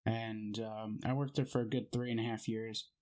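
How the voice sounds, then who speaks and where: A man's voice: on the low side, level tone, moderate pace, a little mellow. A man telling his own eerie experiences in a casual, meandering, matter-of-fact way, as host of his channel. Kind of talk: casual personal storytelling.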